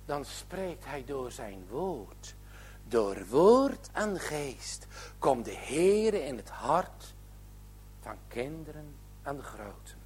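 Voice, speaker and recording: Devout old grandma, earnest and preachy, husky slow voice, as a man reads her. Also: mid-range voice, very animated, darkish tone, heavily acted. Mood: gentle. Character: devout elderly grandmother, gentle but stern.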